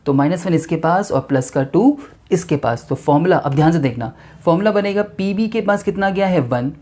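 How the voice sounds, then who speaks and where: Guy teaching chem, mellow soft tone, keeps asking a question then answering it himself. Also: fairly high pitch, expressive, brisk. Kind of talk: chemistry lesson.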